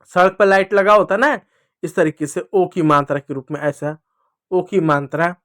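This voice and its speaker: A man teaching children, patiently repeating each sound slowly and drawing out the vowels. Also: sits high, steady tone, fairly bright tone, no echo, clean studio sound. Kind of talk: Hindi lesson for children.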